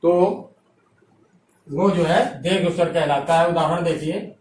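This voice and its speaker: A man teaching a classroom grammar lecture, dictating definitions slowly and checking that students follow. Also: fairly high pitch, steady tone, darkish tone. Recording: echoey room, voice from far off mic.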